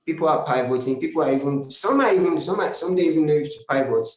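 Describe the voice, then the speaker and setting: A man's voice: on the high side, animated, fast. Nigerian man explaining strategy, echoey room. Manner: earnest and explanatory, with frequent restarts and tag questions. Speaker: brand strategist guest. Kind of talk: live-stream interview answers.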